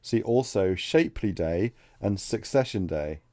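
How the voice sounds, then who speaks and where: A man streaming a text adventure, reading the game text aloud and thinking out loud between passages. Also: lowish voice, animated, measured pace, no echo. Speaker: let's play streamer.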